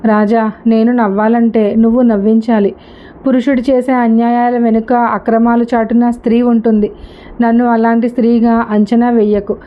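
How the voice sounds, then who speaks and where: A principled young wife, read aloud by a woman who asks sharp, pointed questions. The voice is fairly high. The recording sounds slightly dull and lo-fi. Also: flat delivery, normal speed, close to an everyday voice. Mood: confronting. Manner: pointed, probing.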